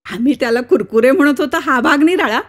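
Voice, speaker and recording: A woman's voice: lively intonation, fast talker. A woman narrating a short story aloud, voicing each character's dialogue herself. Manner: shifts pitch for different characters' dialogue.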